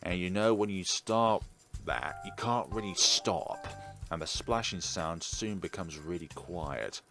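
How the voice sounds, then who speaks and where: A gaming video host plays through a game, reading the story text aloud, voicing the dialogue, and adding his own comments. His voice is low and a little slow, with loud game music behind it.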